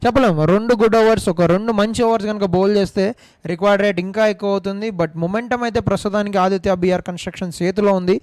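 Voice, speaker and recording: A man with an Indian accent giving excited, emphatic live cricket commentary. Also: sits high, racing, dry recording. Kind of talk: live cricket commentary mixing Telugu and English.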